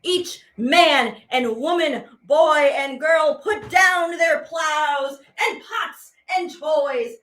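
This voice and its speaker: A teaching artist hosting a program reads children's poems aloud, playful and theatrical, stretching out her words. Her voice is high-pitched and a little bright.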